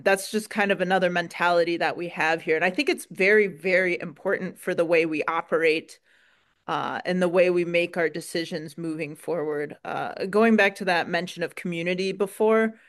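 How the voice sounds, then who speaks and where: Smooth-voiced Wisconsin woman. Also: on the low side, a bit bright. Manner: earnest, folksy, with many "um"s. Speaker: dairy farmer and co-op member. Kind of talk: interview answers.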